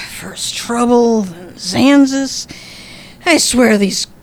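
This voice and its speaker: A woman voicing a weary, grumpy male space detective, speaking in a tired, drawn-out way. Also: fairly high pitch, vocal fry, full character voice, low-quality recording.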